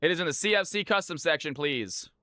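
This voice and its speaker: A man with a bright, forceful, slightly high voice hosts a livestream for a gaming community. He talks informally to his viewers and calls out lobby announcements, often saying things twice. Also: lively intonation, a little fast, dry recording, studio quality. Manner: chatty, informal, repeats phrases, addresses viewers as folks and big dog. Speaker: livestream host running community custom games.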